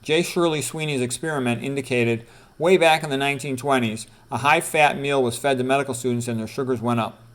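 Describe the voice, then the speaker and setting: This brisk, mid-range male voice belongs to a middle-aged or older doctor reading book quotes aloud. He comments informally between them and echoes key phrases for emphasis.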